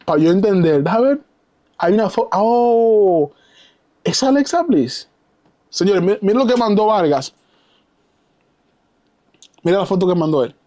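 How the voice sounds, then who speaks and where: An excitable man talking on a live stream from his home, his voice sitting a little on the high side. He comments eagerly, answers chat messages, and drops English exclamations into his speech. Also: measured pace, long pauses. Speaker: live streamer reacting to wrestling. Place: home, downstairs at night.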